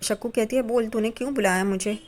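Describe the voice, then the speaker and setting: A woman's voice: fairly high pitch, fast talker, a little mellow. A woman casually retelling a TV serial episode, briefly voicing each character's lines. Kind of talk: casual storytelling recap.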